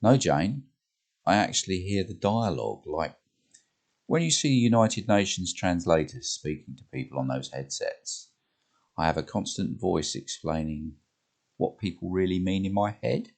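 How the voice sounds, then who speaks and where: A man's voice: low-pitched, animated, unhurried, gravelly, a little mellow, full character voice. A man reading the part of an anxious woman who hears an inner voice, speaking earnestly and hesitantly.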